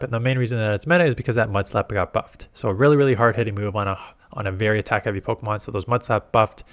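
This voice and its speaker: Rambling male gaming commentator. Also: medium pitch. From Canada. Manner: rambling, self-correcting, explanatory. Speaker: gaming YouTuber. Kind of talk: casual commentary on game strategy.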